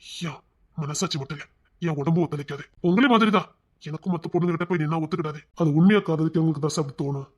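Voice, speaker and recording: A man voicing a grieving, heartbroken man who speaks quietly and haltingly in an audio drama. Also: on the high side, lightly acted. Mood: sorrowful. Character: grieving middle-aged man, soft and heartbroken.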